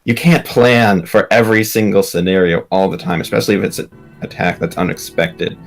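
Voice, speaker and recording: A man talking in character during a tabletop game, earnest and halting, with frequent restarts. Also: sits low, fairly even intonation, gravelly, faint music behind. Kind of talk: in-character role-play discussion.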